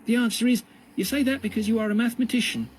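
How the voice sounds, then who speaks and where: Man putting on a bright-voiced youth, obedient and recited. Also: fast, a little hiss or hum, rough recording. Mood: dutiful. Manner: high, dutiful, recited answers. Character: eager young male prisoner reciting by rote.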